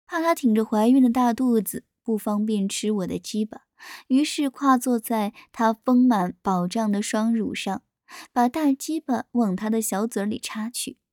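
A woman narrating an erotic story in a steady, even reading voice. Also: fairly high pitch, moderate pace, dry recording, clean studio sound.

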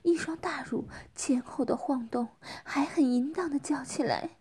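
A woman narrating an erotic audio story in a soft, hushed whisper. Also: high-pitched, normal speed, slight background noise.

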